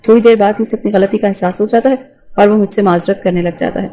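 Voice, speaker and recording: Woman doing a kind middle-aged mom, chatty and gentle, soft mellow tone. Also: mid-range voice, steady tone, natural voice. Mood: fond.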